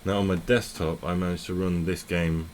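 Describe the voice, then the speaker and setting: A man's voice: deep voice, flat delivery, moderate pace, a little hiss or hum. A man giving casual, rambling commentary while playing a game, often correcting himself and thinking aloud. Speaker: tech vlogger.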